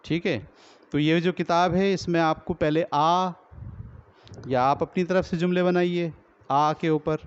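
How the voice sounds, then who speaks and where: Pakistani urdu accent guy training teachers, clear voice a bit high, drills words slow, muffled recording. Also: fairly even intonation. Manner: explains step by step, asks and answers his own questions; sounds out letters and drill sentences slowly. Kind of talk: lecture on teaching reading. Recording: dull lo-fi recording.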